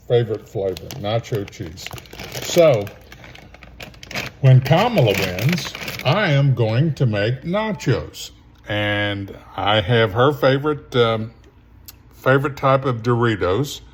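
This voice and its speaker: Slow, rambling home-cook host. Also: male voice, medium pitch. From southern Louisiana. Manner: rambling, opinionated asides. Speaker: home cooking show host. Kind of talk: casual cooking vlog commentary.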